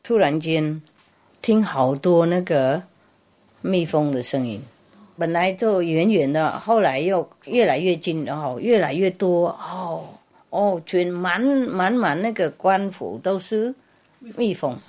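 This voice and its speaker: Low-voiced woman telling a story. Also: lively intonation, takes it slowly, a little mellow. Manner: chatty, laughing, repetitive. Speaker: Buddhist master. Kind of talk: humorous storytelling sermon.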